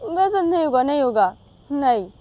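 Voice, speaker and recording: A woman voicing a young husband who argues loudly and insistently with his mother in a spoken story. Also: very animated, normal speed. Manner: loud, high, insistent questioning.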